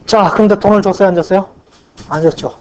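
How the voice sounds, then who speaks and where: A man's voice: high voice, a little mellow. Man lecturing, asking and answering himself. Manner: asks questions and answers them himself; drawn-out stress on key points. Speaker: accounting lecturer. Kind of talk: classroom lecture. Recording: dull lo-fi lecture recording.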